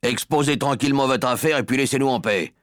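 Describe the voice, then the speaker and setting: A man's voice: lively intonation, moderate pace, no echo, clean studio sound, close to an everyday voice. A man voicing a rude, blustering father who raises his voice in indignation. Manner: loud, indignant, raised high voice. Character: rude, blustering middle-aged father with mustache.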